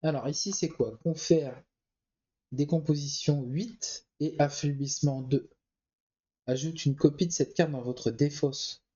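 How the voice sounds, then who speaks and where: Fighting a cold, a gameplay commentator mutters his choices as he thinks aloud through a card game in a relaxed let's play. His voice is on the high side, a little slow and dark in tone, with lo-fi sound.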